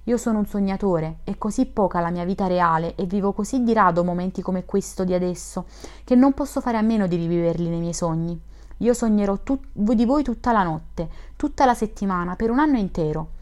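A woman's voice: mid-range voice, fairly quick, a little mellow, lightly acted. A woman reading the part of a shy, effusive young male dreamer in a classic novel, in an earnest, gushing manner.

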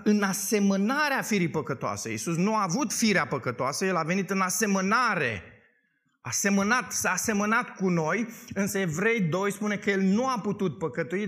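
Emphatic high-voiced man preaching. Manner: emphatic, asks the congregation questions. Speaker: pastor. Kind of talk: sermon.

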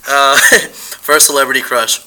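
Male podcast host, mid pitch, bright tone, slangy and joking. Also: unhurried, poor audio. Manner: laid-back, joking, slangy. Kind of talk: casual podcast interview.

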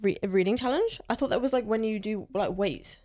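A woman's voice: mid-range voice, brisk, darkish tone. A young woman, co-hosting a casual podcast chat, talking in a loose, chatty way full of fillers and ready laughs. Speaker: podcast co-host.

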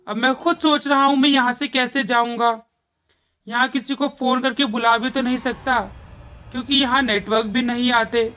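A woman's voice: fairly high pitch, fairly even intonation, moderate pace, sharp tone. A woman doing a helpless male rickshaw driver.

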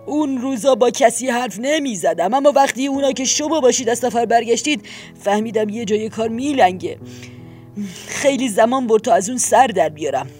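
A woman voicing a gentle old male grizzly bear posing as a neighbour, speaking slowly, softly and hesitantly. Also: fairly high pitch, expressive, soft background music, lightly acted. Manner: slow, soft and hesitant.

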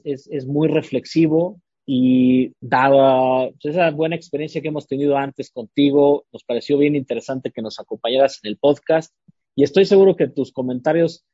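Podcast host, man, hesitant with fillers, warm dark tone. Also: mid-range voice, dry recording, dull audio. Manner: hesitant, many fillers and restarts. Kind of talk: casual book-recommendation chat.

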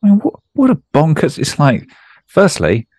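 A man's voice: a little high, huge pitch swings, normal speed, a little mellow, slightly rough, no room sound. A man hosting a podcast interview, talking in a rambling, jokey, self-deprecating way. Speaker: podcast host. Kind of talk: casual conversational interview.

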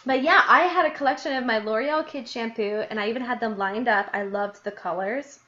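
Host: young woman, slightly high voice, giggly diary-reading chat, dull lo-fi sound. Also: a little fast. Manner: giggly, animated, laughs often between readings. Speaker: podcast host. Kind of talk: casual chat reading her childhood diary. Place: lives in New Jersey, grew up in Illinois. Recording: dull lo-fi podcast audio.

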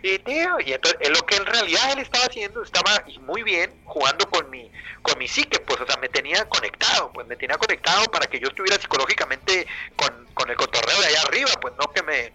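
Animated Mexican man telling a story. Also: a little high, faint music behind, poor audio. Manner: vivid, swearing, halting restarts. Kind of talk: casual storytelling.

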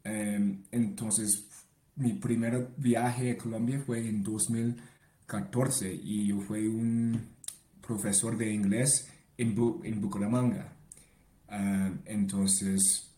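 Halting Canadian-accented Spanish, low male voice. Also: steady tone, mellow, roomy sound, poor audio. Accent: Canadian English accent in Spanish. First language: English. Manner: halting, non-native Spanish with grammar slips. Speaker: podcast guest. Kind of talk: casual interview answers.

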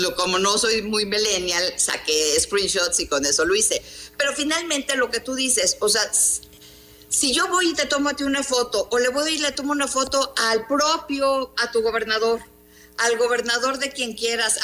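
A woman's voice: on the high side, sharp tone. A woman with a Mexican Spanish accent, a newspaper columnist answering interview questions in an emphatic, combative way, throwing in rhetorical questions.

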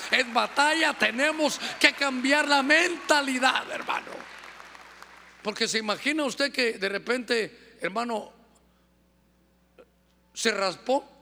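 A man preaches with fervor, his voice pitched high and edged with a gravelly crackle. He exhorts the congregation and slips into quick impersonations of church members. His words ring out with the long reverb of a church hall. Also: sharp tone, a faint crowd. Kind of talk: sermon.

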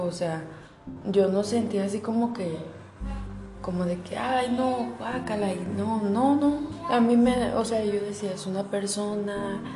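A young woman with a Mexican accent chats to her viewers in a loose, profane, slang-filled monologue. Her voice is warm and mellow. The sound carries a roomy echo with faint music underneath. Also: medium pitch. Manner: slangy, swears freely, talks straight to the listener. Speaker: vlogger.

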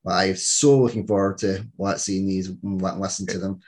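In a casual podcast interview, the Scottish host, a man in his thirties, rambles through stories and restarts many times. He has a low, darkish voice, a steady tone and a moderate pace.

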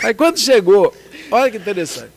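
A man's voice: sits high, sing-song, brisk, gravelly, a crowd in the background. A man with a Brazilian Portuguese accent, casually telling his story as a guest, laughing often and acting out what people said. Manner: laughs often, acts out dialogue.

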